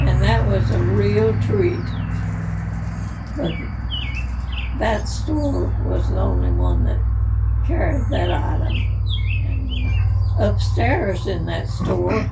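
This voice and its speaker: A very old woman, over a hundred, reminiscing in an aged voice, speaking haltingly in short broken phrases. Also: mid-range voice, vocal fry. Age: 105, very old. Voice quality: aged, elderly voice. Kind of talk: unscripted reminiscing about the old days. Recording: distant mic, noisy, birdsong behind.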